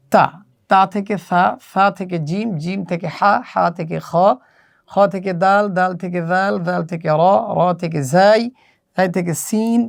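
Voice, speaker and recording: Gravelly-voiced male teacher explaining lessons. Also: sits high. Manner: measured, explanatory, with frequent "ah" fillers. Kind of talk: instructional walkthrough for teachers.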